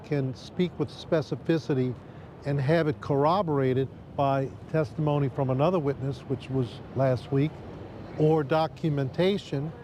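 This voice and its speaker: A man's voice: on the high side, fairly even intonation, moderate pace, a little mellow, slight background noise. An American man giving interview commentary as a legal analyst.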